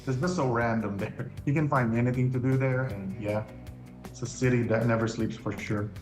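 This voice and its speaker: A man's voice: mid-range voice, moderate pace, darkish tone, soft background music. Laid-back young man in a roomy studio. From upstate New York. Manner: laid-back, chuckling often. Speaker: quiz contestant. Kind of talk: casual interview chat. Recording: roomy echo.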